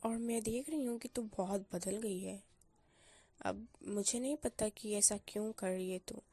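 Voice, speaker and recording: A young college girl, head over heels and quick to bristle, argues back with defensive heat, as a woman storyteller puts her on. The voice stays mellow and dark rather than shrill. It sounds close and dry. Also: no room sound. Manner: defensive, argumentative. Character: young female college student, lovestruck and quick to anger. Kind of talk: storyteller voicing a character.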